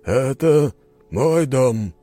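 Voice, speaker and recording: A man voicing a calm, cold and dignified male count who speaks slowly. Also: mid-range voice, vocal fry, no echo, soft background music, pitched above the performer's own voice. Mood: cold stern.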